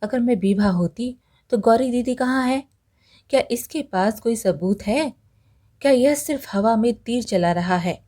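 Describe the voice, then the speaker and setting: A woman's voice: on the high side, a little slow, warm tone. A woman voicing a scheming young woman who has taken her sister's place as a bride, sly and pleading by turns.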